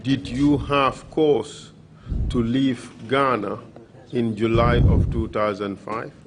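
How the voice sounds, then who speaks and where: Slow, measured male panel questioner. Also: mid-range voice, little pitch movement, background noise. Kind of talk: formal testimony questioning.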